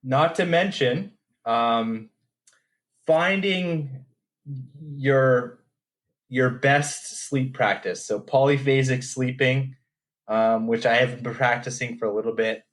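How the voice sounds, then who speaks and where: A man's voice: mid-range voice, slow. A man in his thirties co-hosting a podcast in casual chat, hesitant, with fillers and repeated words. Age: 30s. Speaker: podcast co-host.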